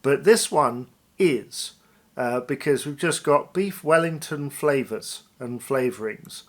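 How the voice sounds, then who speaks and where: A man's voice: mid-range voice, lively intonation, takes it slowly. A man hosting a casual taste-test review to viewers, thinking aloud in a tentative, musing way. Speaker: food review vlog host.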